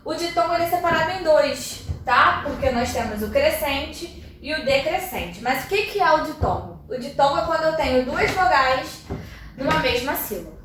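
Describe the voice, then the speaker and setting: A woman's voice: high-pitched, lively intonation, moderate pace, a bit bright, a little hiss or hum. A woman with a Brazilian Portuguese accent teaching a lesson, explaining step by step and checking in with her listeners. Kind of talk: classroom lesson. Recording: very echoey room, mic far off.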